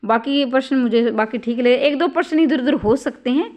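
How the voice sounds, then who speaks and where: A woman's voice: high voice, fairly quick, a little mellow. A woman tutor explaining exam answers one by one, often adding "bhai" and "theek hai" as she checks each option.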